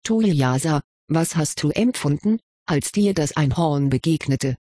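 A reader voicing an old, wise male headmaster wizard who explains things calmly, in an audiobook reading. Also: medium pitch, unhurried, no echo.

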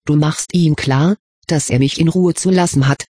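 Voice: mid-range voice, moderate pace, mellow, husky, no echo, clean studio sound, lightly acted. A reader voicing a dismissive, cold-hearted teenage schoolgirl, in a storybook reading. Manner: cool, disdainful.

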